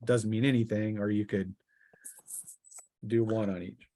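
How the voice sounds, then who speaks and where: A man with a lowish, mellow voice and fairly even intonation speaks unhurriedly as he game-masters a tabletop RPG. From home on an online group call, he casually narrates fights and explains rules, recorded by a close microphone on the internet call.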